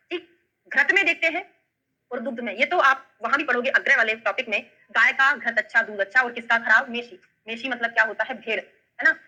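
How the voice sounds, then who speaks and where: Her voice is a little high, pushed and bright, captured on a poor-quality recording. She is an Ayurveda tutor with a Bundelkhandi Hindi accent giving an online lesson with memory tricks, explaining each step and checking in with her students.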